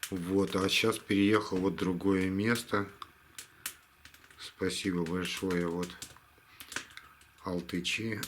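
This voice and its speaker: A tired man talking casually to camera in a halting, resigned way, like a hunting vlogger winding down his day. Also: low voice, level tone, slight background noise. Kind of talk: casual vlog monologue to camera.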